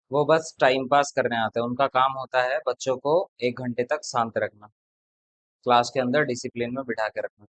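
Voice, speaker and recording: A man speaks to his class in a loose, lecturing way, blunt and talkative. His voice sits at a middle pitch. The sound is dry, with little room echo. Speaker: math tutor. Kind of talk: casual classroom talk to students.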